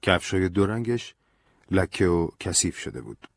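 A man narrating an audiobook in a calm, measured storytelling manner. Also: sits low, dry recording, clean studio sound.

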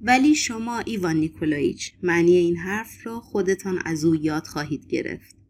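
A woman voicing a mysterious foreign man who talks in a calm, assured and cryptic way in an audiobook. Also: on the low side, a little hiss or hum.

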